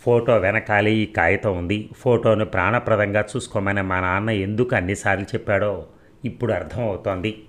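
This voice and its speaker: A man's voice: on the low side, steady tone, moderate pace, a bit bright, lightly acted. Young woman, pleading and emotional, voiced by a male reader.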